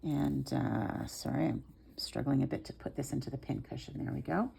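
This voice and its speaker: A woman giving a step-by-step hands-on tutorial as an instructor, speaking in a careful, unhurried, informal and reassuring way. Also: very deep voice, vocal fry. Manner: careful, unhurried, explaining each small step. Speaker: sewing instructor. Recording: some background noise.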